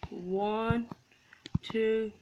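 Loud, cursing woman gaming. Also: on the high side, extremely slow, phone-quality sound, noisy background. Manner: loud, profane, excitable. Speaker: gaming channel host. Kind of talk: casual gaming commentary.

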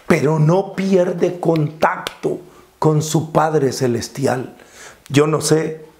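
Slow, gravelly-voiced male preacher. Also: on the high side, darkish tone. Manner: slow, repetitive preaching with rising cries; addresses viewers directly, asks for comments. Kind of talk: sermon.

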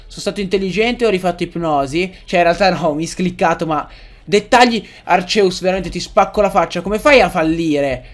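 Excitable high-voiced young man gaming. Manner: excitable, yells and swears at the game. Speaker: gaming let's-player. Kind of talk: casual gameplay commentary.

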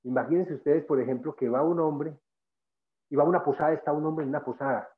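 A man's voice: on the high side, steady tone, quick pace. A man guest speaker giving a spiritual motivational talk, earnest and emphatic, repeating phrases to drive points home. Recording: tinny phone-like sound.

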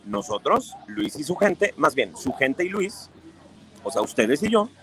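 Mexican male streamer, mid-pitch, warm banter with his chat, teasing, affectionate. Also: sing-song, a little slow, low-quality recording. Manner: chatty and affectionate, playful teasing. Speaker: livestream host. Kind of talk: casual live chat, reading viewer comments aloud.

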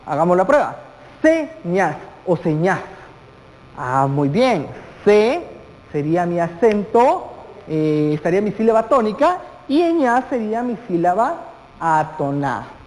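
A teacher leads a televised lesson, turning to the students with questions and drawing out the words that matter. The voice sits at a mid pitch. It rings with a long reverb, as if recorded in a large hall. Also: big pitch swings, moderate pace, a little mellow. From Guatemala. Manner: addresses students directly, asks questions, stretches key words.

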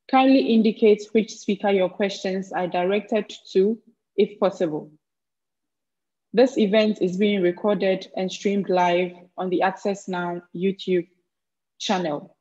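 Mellow woman moderator, dull call audio. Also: mid-range voice. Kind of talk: scripted event introduction. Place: small indoor room. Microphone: video call.

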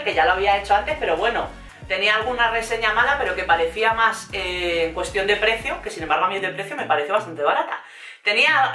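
A young adult woman from Spain with a Spanish accent, telling a story in a vlog while doing her makeup, theatrical and animated, acting out her quotes. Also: mid-range voice. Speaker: vlogger. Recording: roomy echo, mic at a distance, faint music.

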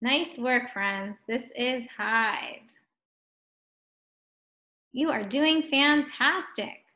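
A young woman teaching a first grade phonics lesson online, encouraging and stretching words out slowly. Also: on the high side, fairly bright tone. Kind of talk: distance learning phonics lesson.

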